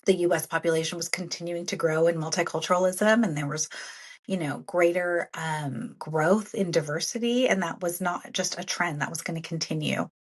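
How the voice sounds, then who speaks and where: A woman's voice: on the low side, normal speed, breathy edge. A middle-aged woman founder, a guest on an interview podcast, talking casually and fluently with many filler phrases. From United States, born in Sudan. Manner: upbeat and fluent, many "you know" fillers.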